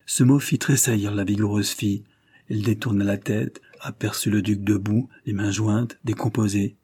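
A man narrating a novel as an audiobook in a measured, expressive way. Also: fairly low pitch, breathy edge, no room sound, clean studio sound. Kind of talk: literary audiobook reading.

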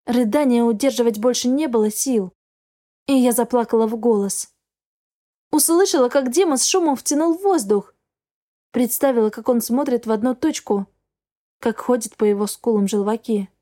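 A woman giving an emotive, measured first-person narration of an audiobook. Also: fairly high pitch, warm tone.

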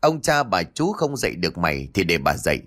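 A man's voice: sing-song, brisk, fairly bright tone. A man voicing a foul-mouthed old village mother-in-law. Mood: cursing. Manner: shrill cursing tirade.

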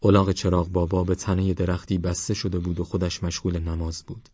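Deep-voiced male audiobook narrator. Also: breathy edge, no echo. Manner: calm, measured storytelling. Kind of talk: scripted narration. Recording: dull dry studio recording.

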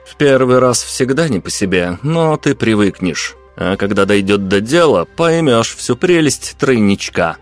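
A man's voice: mid-range voice, animated, a little slow, hardly any pauses, soft background music, lightly acted. A man voicing a brash, self-assured young companion in an audiobook, mocking and coaxing in tone.

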